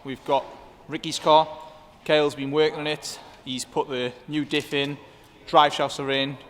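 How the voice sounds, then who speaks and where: A man's voice: a little high, little pitch movement, a little slow. A man hosting a casual walk-around vlog inside a car workshop, chatting with the mechanics. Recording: echoey workshop hall with faint background noise.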